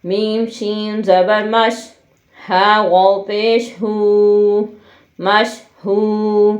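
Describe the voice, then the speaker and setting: A woman teaching Quran reading. She spells out each letter and vowel mark slowly, then blends them into the whole word. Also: medium pitch, level tone, a little mellow. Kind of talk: slow syllable-by-syllable drill with spoken explanations. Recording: muffled, echoey room.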